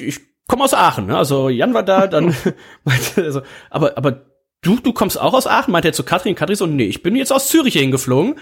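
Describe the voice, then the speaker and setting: A man's voice: on the high side, slightly rough. A man hosting a casual wrestling chat, telling stories in a rambling way with many fillers and restarts. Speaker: podcast host.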